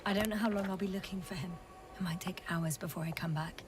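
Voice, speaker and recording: A woman's voice: lowish voice, steady tone, fast, noisy background, close to an everyday voice. An actress voicing a composed female field doctor in a video game who gives clipped, matter-of-fact reports. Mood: focused. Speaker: scientist on a planet mission. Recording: game audio, distant mic, music under.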